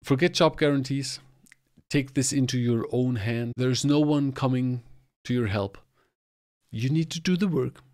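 A man in his forties gives a solo podcast monologue in an explanatory way. His voice sits at an ordinary middle pitch. He is recorded close on a podcast mic in a small home studio. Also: measured pace, darkish tone. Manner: explanatory, talks with his hands. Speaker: podcast host. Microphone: podcast mic on boom arm, close.

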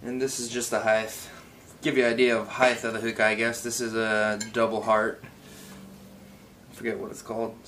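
Young guy with a lowish voice doing a laid-out casual review, loose and informal, bit of room noise. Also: monotone, normal speed, a bit bright. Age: young adult. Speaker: hookah reviewer. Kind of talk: casual product review chat. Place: garage workshop, indoors. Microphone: camera a few feet away. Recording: faint background room noise.

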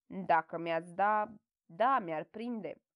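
A woman's voice: fairly low pitch, dry recording, dull audio, pitched below the performer's own voice, close to an everyday voice. Mihalco, a woman doing a naive peasant lad. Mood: timid. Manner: naive, plain-spoken. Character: simple, earnest young peasant lad.

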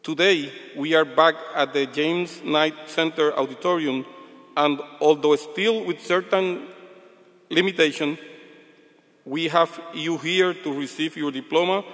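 A man's voice: on the high side, fairly bright tone, faint music behind. An older man giving a formal commencement address as board chair, reading from notes at a podium. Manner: measured, reads from notes at podium. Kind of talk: formal prepared speech. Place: large auditorium stage. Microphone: podium microphone. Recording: long hall reverb.

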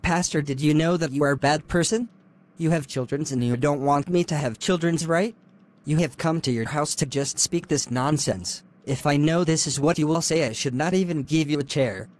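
Brief: a man playing a domineering young husband, higher voice, scornful and insulting. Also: normal speed, natural voice. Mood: angry. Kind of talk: animated drama voice acting.

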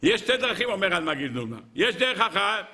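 A man teaching as a rabbi, telling a parable in a lively way and asking his audience rhetorical questions. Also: high voice. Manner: lively storyteller who acts out characters. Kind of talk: Torah lesson with a parable.

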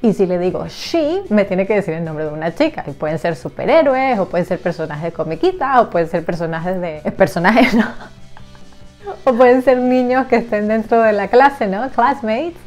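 A woman English teacher for young children, explaining a classroom game in a casual, lively way and acting out sounds and children's voices. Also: medium pitch, moderate pace, soft background music. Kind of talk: casual explanatory lesson to camera.

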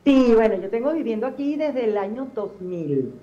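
On the high side and at a normal speed, this woman's voice comes through with the highs cut off. She's a middle-aged telenovela actress guesting on a TV interview, chatty and expressive with many fillers, her Venezuelan accent tinged with Argentine sounds.

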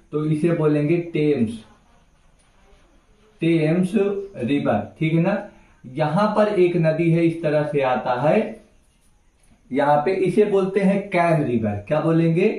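A man teaching an exam-prep geography lesson, going slowly over names on a map and asking his students to repeat them back. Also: a little high, a little mellow. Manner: slow, repeats names and quizzes the class. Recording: echoey room, voice from far off.

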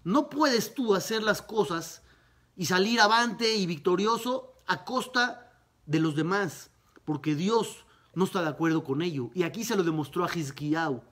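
A man, a rabbi, teaching a Talmud lesson, retelling a story with lively narration and rhetorical questions. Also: high voice, measured pace.

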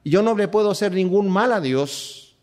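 A male preacher delivering a sermon, alternating between reading scripture and explaining it in his own words. His voice sits somewhat high for a man, and it lifts further on his rhetorical questions. He addresses the congregation directly, checking that they follow. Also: normal speed. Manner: expressive, rises in pitch on rhetorical questions.

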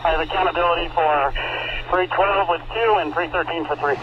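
A man's voice: on the high side, fairly even intonation, a little fast. A man reporting fire conditions urgently as a firefighter over the radio. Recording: muffled, very noisy radio.

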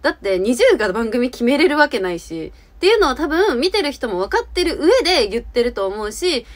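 A young woman with a fairly high voice and very lively intonation talks to her camera at a quick pace. She sounds earnest and rambles a little, softening her opinions as she goes, in a casual YouTube style. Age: 20s. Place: small indoor room with curtain backdrop.

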